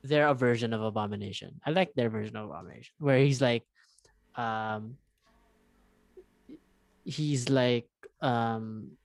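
Young man, podcast co-host, rambling, animated, swears, mid-pitched, dry close recording. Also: measured pace, gravelly, long pauses, no echo. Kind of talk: casual chat.

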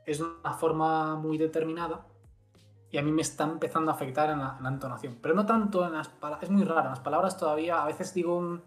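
A man's voice: on the high side, fairly even intonation, soft background music. A young man from Galicia co-hosting a casual podcast, joking playfully. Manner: fast, playful, jokey asides. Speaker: podcast co-host. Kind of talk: casual chat.

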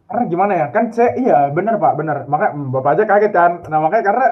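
Young male student, from Indonesia, chatty and animated; tinny phone-line sound. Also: high-pitched, fast. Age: young adult. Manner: chatty, animated storytelling with laughs. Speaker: student abroad. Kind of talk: casual video call chat. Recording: tinny phone-like call audio.

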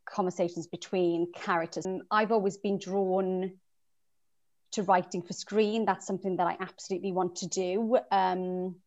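A woman in her thirties from South Wales, a novelist with a stammer, speaking in a halting way with frequent fillers. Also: on the low side, fairly even intonation, darkish tone, muffled recording. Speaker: guest novelist. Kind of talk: casual conversation.

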